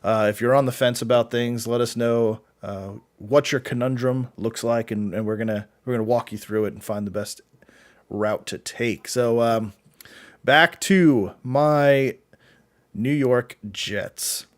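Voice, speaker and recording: A man's voice: medium pitch, a little slow. A man co-hosting a fantasy football show in a loose, casual chat. He answers viewer questions with plenty of fillers and restarts, sounding easygoing and unscripted. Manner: rambling, many fillers and restarts.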